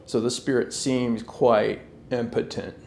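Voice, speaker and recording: A man's voice: medium pitch, flat delivery, measured pace, vocal fry, a little mellow, a little hiss or hum. Firm man addressing a spirit, echoey. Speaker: paranormal investigator.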